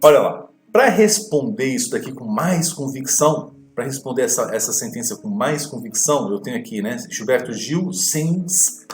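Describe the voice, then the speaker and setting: A man teaching an exam walkthrough lesson, explaining slowly and repeating words to model their pronunciation. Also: medium pitch, expressive, echoey room, soft background music. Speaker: English teacher.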